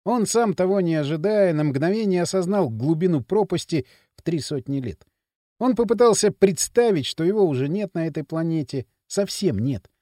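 A man narrating an audiobook in an expressive storytelling manner, close to the mic. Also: a little high, moderate pace, dry recording.

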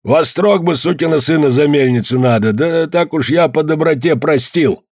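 A man's voice: a little high, moderate pace, dry recording, clean studio sound, voice pushed up. A man doing a harsh, stingy peasant. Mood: curt. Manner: curt, shouting.

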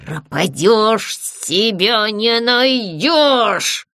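A woman voicing a pompous male ghost who rules a ruined theatre, speaking slowly and menacingly. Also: a little high, expressive, gravelly, fairly bright tone, no echo, studio quality, full character voice. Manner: slow, drawn-out and menacing.

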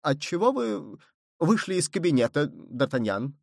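Give me a man putting on a cowardly, shrill old cardinal. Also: sing-song, normal speed, vocal fry, a little mellow, no echo, studio quality, exaggerated voice. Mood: suspicious. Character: cowardly, panicky male cardinal.

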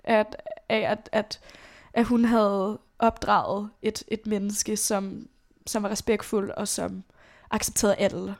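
A young woman telling a personal story as an interview guest, in a casual, halting way with many fillers and casual swearing. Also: mid-range voice, little pitch movement, a little mellow. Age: young adult.

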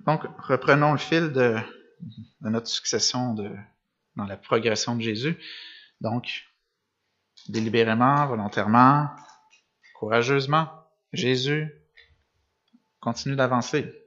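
French-speaking preacher, muffled lo-fi sound. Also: male voice, medium pitch, measured pace, long pauses, fairly bright tone. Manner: reads passages then comments, with restarts and rhetorical questions. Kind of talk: sermon reading and explaining scripture. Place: church or meeting room with a screen behind him. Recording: dull lo-fi sound.

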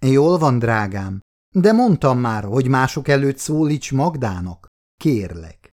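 A man reading an audiobook, voicing an elegant, proud older grandmother who talks in a brisk, composed way. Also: rumbling low, big pitch swings, a little mellow. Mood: wry.

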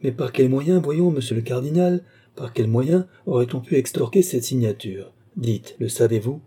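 A man voicing a frightened, imperious royal princess in a classic novel audiobook, speaking in sharp, agitated exclamations. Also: medium pitch, expressive, normal speed, husky, pitched above the performer's own voice. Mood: alarmed.

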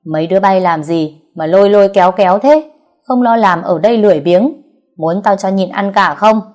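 Casting: a woman playing a shrill, bossy, cruel concubine in a storybook reading. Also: moderate pace, darkish tone, faint music behind, lightly acted. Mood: spiteful. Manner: shrill, scolding, threatening. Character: spiteful, domineering middle-aged concubine.

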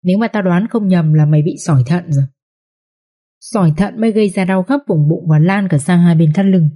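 A woman's voice: lowish voice, a little fast, warm tone, natural voice. A woman voicing a curt, bossy young master. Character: stern young male master, a doctor. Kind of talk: audiobook story reading.

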